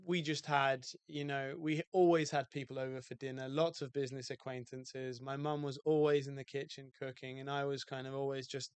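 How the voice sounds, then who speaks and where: A relaxed man with a British accent talks through his life as a podcast guest, rambling a little and circling back on his words. His voice is smooth and clear and stays fairly level in pitch. The sound is dry and close, with no room around it. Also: a little fast, hardly any pauses, no room sound. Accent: British English. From England, outside London. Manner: easygoing, loose storytelling with many fillers and restarts. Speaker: guest, hotel owner.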